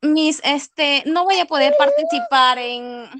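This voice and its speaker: A woman with a high voice speaking up during an online class. She talks politely and apologetically. The sound is dry, with no room echo. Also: slow pace, fairly bright tone. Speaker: student's mother on the call. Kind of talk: casual remark in an online class. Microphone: computer mic on a video call.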